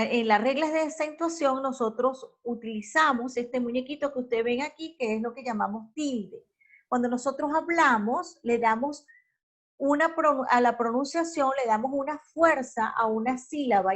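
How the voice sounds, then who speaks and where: A woman with a somewhat high voice teaches a class online. She explains step by step, regularly asks if everyone is following, and corrects herself partway through sentences. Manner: explanatory, checks in with "ok?", self-corrects mid-sentence.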